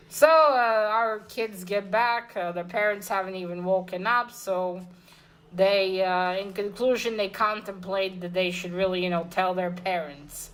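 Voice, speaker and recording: A woman with a medium-pitched voice gives an unscripted, casual review of a comic book, rambling, hesitating and correcting herself as she goes. Her language is blunt and informal, and the recording quality is low.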